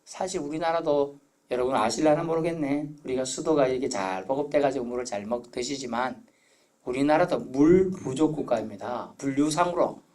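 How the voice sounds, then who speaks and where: Speaking at normal speed, this middle-aged pastor has a medium pitch with a touch of mellowness. His sermon is conversational, carried along by storytelling and anecdotes.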